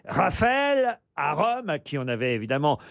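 A man with a high voice hosts a radio game show. He reads out the prizes and teases the panel in a chatty, bantering way. His voice is close and dry on a studio microphone. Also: sing-song, normal speed, gravelly, fairly bright tone, no room sound. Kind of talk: radio quiz presenting.

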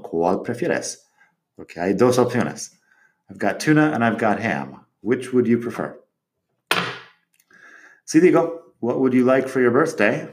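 A man teaching grammar in Spanish to learners, repeating each example sentence slowly and clearly. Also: medium pitch, a little mellow. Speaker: English teacher. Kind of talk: language lesson explaining grammar.

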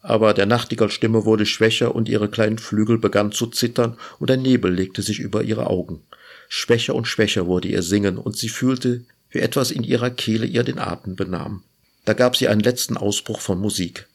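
A man hosting a literature show, reading a fairy tale aloud in a measured, lyrical way. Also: on the low side, steady tone, vocal fry, husky. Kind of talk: storybook reading.

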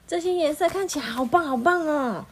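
A woman voicing excited storybook neighbours. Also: high-pitched, a little fast, background noise, voice pushed up, close to an everyday voice. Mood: delighted. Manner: raised, exclaiming. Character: crowd of neighbours, cross then delighted. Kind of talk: storybook read-aloud.

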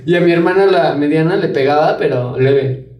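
A man with a Mexican accent telling childhood stories in casual chat, animated and laughing. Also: on the high side, moderate pace, recorded from a distance, a crowd in the background. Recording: echoey room, off-mic, noisy.

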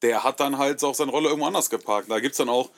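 A man's voice: mid-range voice, racing. A man co-hosting a podcast, chiming in with short reactions and jokes in casual chat. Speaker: podcast co-host.

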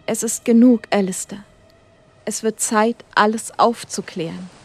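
A woman voicing a frail old man who pleads and preaches slowly and loudly in a storybook drama. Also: mid-range voice, fairly even intonation. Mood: pleading.

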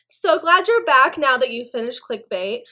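A woman's voice: sits high, lively intonation, normal speed, pushed and bright. Chatty young woman podcast co-host. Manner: chatty, swears casually, laughs often. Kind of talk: casual podcast chat.

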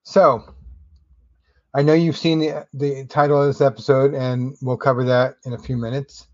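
A man's voice: mid-range voice, little pitch movement, normal speed, dry recording. Rambling male podcaster, dry slightly dull recording. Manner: rambling, conversational, wry. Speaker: podcast host. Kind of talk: casual solo podcast monologue.

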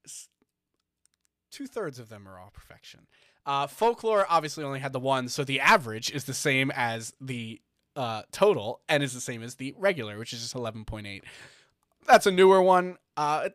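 A man's voice: mid-range voice, lively intonation, normal speed, fairly bright tone, no echo, studio quality. A man co-hosting a casual chat show, rambling with lots of fillers and restarts as he reads out figures. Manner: rambling, many fillers and restarts, reading numbers. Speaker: podcast co-host.

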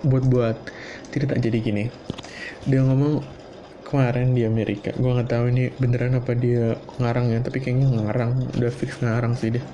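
A man rambles through a casual solo monologue, loose and sprinkled with swearing. His voice is mellow and sits at a middle pitch. A faint noise hums behind him in a home room. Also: level tone, normal speed, dull audio. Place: home room, not a studio.

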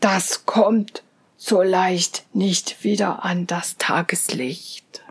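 A woman voicing a large, gentle male bear in a fairy tale reading, speaking slowly and low, trailing into whispers. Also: fairly even intonation, breathy edge, exaggerated voice. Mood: earnest.

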